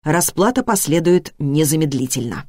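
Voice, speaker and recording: Expressive woman narrating a novel. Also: deep voice, normal speed, dry recording, clean studio sound. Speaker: audiobook narrator. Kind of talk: scripted narration.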